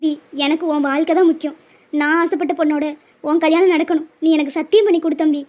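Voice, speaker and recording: A woman's voice: sits high, fairly even intonation, fast talker, natural voice. A woman voicing a stubborn, emotional middle-aged cartoon mother who pleads and guilt-trips. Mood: tearful demanding. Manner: pleading, melodramatic, guilt-tripping. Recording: muffled lo-fi audio.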